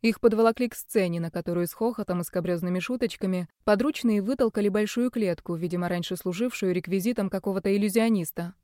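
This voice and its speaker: A woman narrating an audiobook in a steady, expressive reading. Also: medium pitch, fast talker, hardly any pauses, no echo, clean studio sound. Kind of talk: scripted narration.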